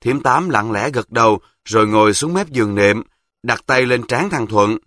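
A man with a Southern Vietnamese accent narrating a story in a plain, lively way. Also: mid-range voice, normal speed, no room sound, studio quality.

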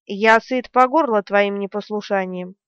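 A woman's voice: medium pitch, measured pace, clear, resonant tone, no room sound, close to an everyday voice. A woman doing a raging, brutal general. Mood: furious. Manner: raging, barking commands. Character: furious brutal male general, magic-hater. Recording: dry, dull lo-fi recording.

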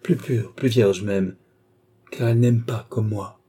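A man reading aloud and voicing a gentle, devoted young woman in a trance, in a soft, dreamy manner. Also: fairly low pitch, steady tone, measured pace, slightly rough. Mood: fervent.

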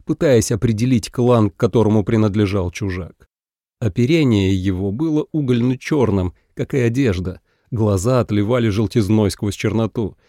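A man reading an audiobook in measured, even scripted narration. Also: lowish voice, dry recording, studio quality.

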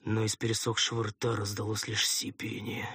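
A man narrating a fantasy audiobook in the first person with a measured, dramatic reading. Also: fairly low pitch, monotone, pushed and bright, slightly rough, dry recording, clean studio sound.

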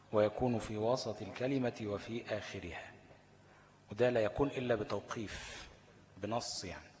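A man with an Egyptian accent teaching Quran recitation rules. He reads definitions slowly, then explains them in colloquial speech and keeps asking his students check-in questions. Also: lowish voice. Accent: Egyptian Arabic. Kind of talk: explanatory lesson. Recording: long hall reverb.

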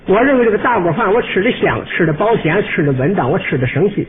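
A man playing a brash, rude male shop clerk, talking in a scornful, sharp-tongued way in a comic monologue. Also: high voice, very animated, quick pace. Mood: boastful. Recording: tinny old radio recording with faint hiss.

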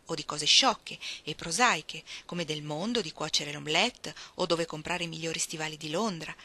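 A woman reading a literary novel aloud, expressive, dropping at times to hushed, almost whispered phrases. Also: fairly low pitch. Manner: expressive, shifting between soft hushed phrases and emphatic ones. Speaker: reader.

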